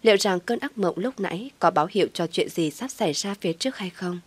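Woman narrating a drama story, low voice. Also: expressive, fast, husky, dry recording.

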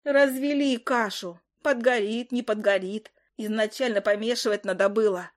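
A woman's voice: on the high side, fairly even intonation, moderate pace, natural voice. A woman voicing a snappy female fairy who scolds with a hiss. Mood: scolding. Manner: hissing, scolding.

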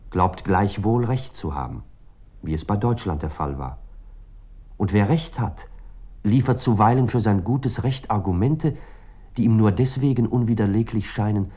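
In a radio play, a male actor voices a reflective, ironic literary narrator. His natural voice is warm and on the low side, and he speaks in measured, articulate, long sentences.

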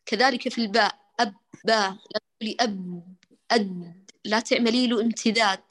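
Woman recitation teacher, kinda high voice, explains slow and patient, keeps demoing sounds. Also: a bit bright. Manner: explanatory, demonstrates letter sounds repeatedly; affectionate, addresses students as dears. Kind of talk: online class, tajweed correction lesson.

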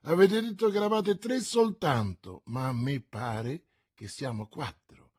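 An eager young swordsman pledges himself with earnest fervour, as a man reads him. His voice is husky and high, and his delivery slow and heartfelt. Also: darkish tone. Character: eager young male Gascon swordsman, bold.

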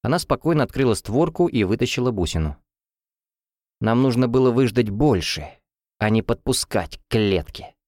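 A man narrating an audiobook in a steady, even storytelling manner. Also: mid-range voice, moderate pace, no room sound. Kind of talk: scripted narration.

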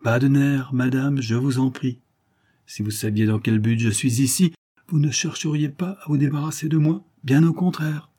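A composed, imperious avenger from an old serial novel, as a male narrator puts him on. He speaks incisively, with unshakable authority. The voice is husky and mellow, lifted slightly above the reader's own. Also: mid-range voice, moderate pace, pitched above the performer's own voice. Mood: commanding. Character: calm, commanding male avenger of great authority.

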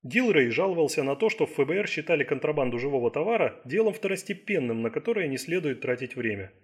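A man narrating an audiobook thriller in a steady, measured reading. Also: a little high, slightly rough. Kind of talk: scripted narration.

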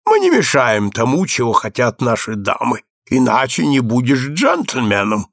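A blustering, condescending husband roars with pompous pride, as a man reading the story plays him. The voice is lively in pitch with a gravelly edge. The recording is dry and close. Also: normal speed, no echo, exaggerated voice. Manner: blustering, roaring.

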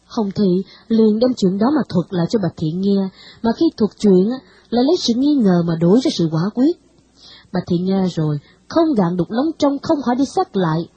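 A woman reading a novel aloud with expressive storytelling. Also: mid-range voice, normal speed, slightly rough, no room sound, dull audio. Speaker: narrator. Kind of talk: audiobook narration of a novel.

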